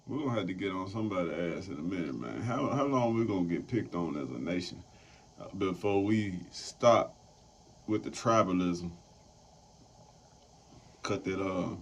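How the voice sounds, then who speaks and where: Profane, rambling man, low voice. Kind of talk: casual roundtable chat. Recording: dull lo-fi sound, faint noise.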